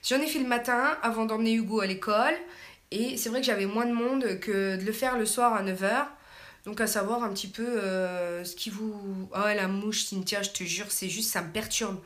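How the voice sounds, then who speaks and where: A woman hosting a casual live stream, chatting warmly and hesitantly with many fillers as she answers viewers' comments. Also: medium pitch, steady tone, moderate pace. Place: home, at night.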